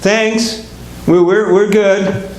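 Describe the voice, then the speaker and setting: Guy playing a hesitant dad in a hole, stammers, slow, echoey hall. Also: sits high, fairly even intonation, a little mellow, pitched above the performer's own voice. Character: hesitant father stuck in a hole. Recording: echoey hall, faint noise.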